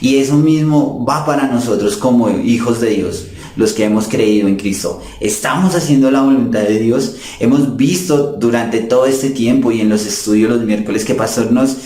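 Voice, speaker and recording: A man's voice: medium pitch, normal speed, few pauses, warm tone. A man preaching a sermon in an earnest way, addressing his listeners as brothers and sisters. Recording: roomy echo.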